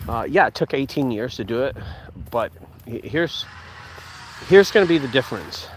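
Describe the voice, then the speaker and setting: At normal speed and medium pitch, a junk removal business owner in his forties chats casually while walking through his open rural property outdoors. He's relaxed, says "dude," and the vlog audio has a little hiss or hum.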